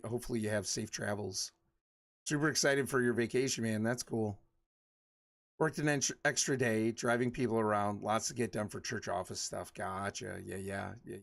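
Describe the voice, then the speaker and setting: A man's voice: lowish voice, creaky, a bit bright. A man in his forties chatting casually with his livestream viewers, rambling and laughing often. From Michigan. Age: 40s. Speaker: livestream host.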